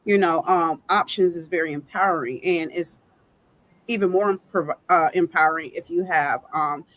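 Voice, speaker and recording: A woman panel guest on a video call, speaking haltingly with many fillers. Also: lowish voice, fairly bright tone, poor audio. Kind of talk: casual panel talk.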